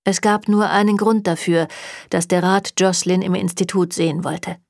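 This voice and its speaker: A woman narrating a German fantasy audiobook in a calm, even storytelling manner. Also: on the low side, normal speed, gravelly, no room sound, studio quality. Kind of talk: scripted narration.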